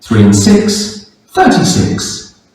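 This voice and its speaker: Male bingo caller, sing-song and animated, distant and heavily reverberant over the venue. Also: slow, faint music behind. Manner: bingo calling, sing-song digit-then-number calls. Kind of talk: formal scripted announcement and number calling. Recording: echoey venue PA from far off.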